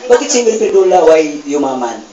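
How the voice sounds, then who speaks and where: A high-pitched Filipino man gives an animated success testimony to a loud live crowd in an echoey event hall, picked up by a distant, muffled mic. He talks fairly quickly, calls out questions and gets shouted replies, laughs, and acts out quoted dialogue.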